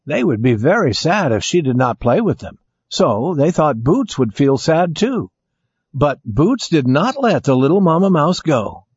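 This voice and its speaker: A man reading a children's storybook aloud, with a husky edge to his voice and a lively, rising and falling tone. His voice sits a little high for a man. The recording is dry and dull, with a lo-fi sound. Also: measured pace, dry recording. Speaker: narrator.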